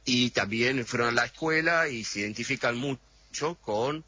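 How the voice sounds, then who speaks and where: Man, middle-aged, radio guest, husky, muffled phone-style line. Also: mid-range voice, normal speed, sharp tone. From Argentina. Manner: thoughtful, explanatory, frequent hesitations. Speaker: interview guest. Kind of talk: radio interview over a remote line. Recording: dull, lo-fi remote line.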